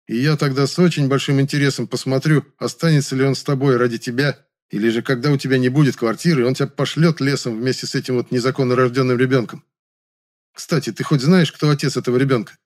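Male narrator for first-person prose, mid-pitched, coolly mocking. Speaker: audiobook narrator.

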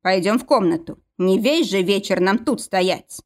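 Woman reading a calm, confident young man. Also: mid-range voice, moderate pace, close to an everyday voice. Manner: calm and even.

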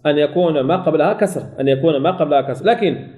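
Man, high pitch, sheikh running a recitation lesson, drills and repeats each word. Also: mellow. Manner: explains step by step, asks and answers his own questions; repeats and drills example words slowly. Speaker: sheikh teaching Quran recitation rules. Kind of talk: recorded tajweed lesson.

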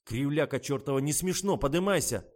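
A man's voice: on the high side, lively intonation, brisk, darkish tone, pitched above the performer's own voice, natural voice. A man reading an audiobook, voicing a jealous, snappish young makeup woman. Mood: scolding. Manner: snappish, scolding.

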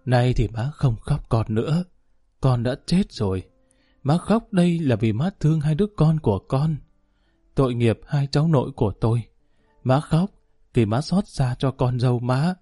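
A man's voice: mid-range voice, animated, moderate pace, warm tone, breathy edge, no room sound, clean studio sound, soft background music. A man reading as a grieving old mother. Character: grieving older mother mourning her son.

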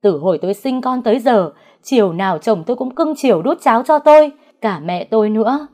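Woman voicing a sobbing young mother, shrill. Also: animated, a little fast, warm tone, lightly acted. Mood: furious. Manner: crying, high and shrill. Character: young mother, grief-stricken and furious.

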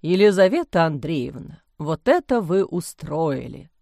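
A woman voicing a stern bearded village priest, a weary middle-aged man who grumbles slowly and gravely. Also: on the low side, expressive, dry recording, studio quality, close to an everyday voice. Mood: exasperated. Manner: gruff grumbling, slow and grave.

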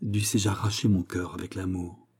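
A man's voice: deep voice, flat delivery, normal speed, a little mellow, husky. A man voicing a solemn young nobleman. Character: earnest young male nobleman, proud.

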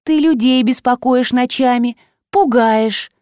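A woman voicing a young sorceress who wails and curses theatrically at the dark. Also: fairly high pitch, slow pace, dry recording, studio quality, pitched above the performer's own voice. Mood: cautious. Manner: theatrical howling and cursing.

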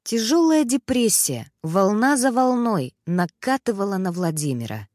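A woman reads a family drama aloud in a steady, expressive storytelling voice. Her pitch sits in the middle range. The recording is close and dry, with no room echo. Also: measured pace. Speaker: narrator. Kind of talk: audiobook story narration.

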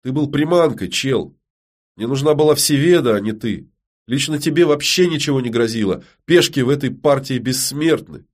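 A man's voice: medium pitch, expressive, moderate pace, pitched above the performer's own voice, close to an everyday voice. A man voicing an angry young woman warrior who answers curtly and with scorn. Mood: angry, scornful. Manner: curt, scornful.

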